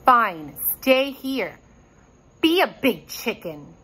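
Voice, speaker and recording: A woman's voice: mid-range voice, lively intonation, takes it slowly, darkish tone, slightly rough. Woman reading as a snappy, bossy girl. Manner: snappy, commanding. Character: bossy, impatient girl dragon keeper.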